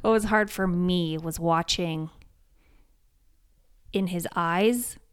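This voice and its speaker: A woman's voice: on the low side, slow, clean tone. A woman co-hosting a podcast, telling an earnest, emotional story in casual chat. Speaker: podcast co-host, race crew lead.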